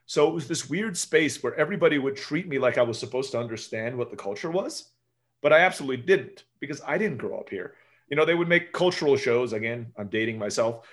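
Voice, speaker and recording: In a casual interview, an animated man in his forties tells stories fast in a medium-pitched voice. A native Turkish speaker raised in Turkey, he has an American accent, tends to ramble, and regularly adds "right?" to the end of sentences.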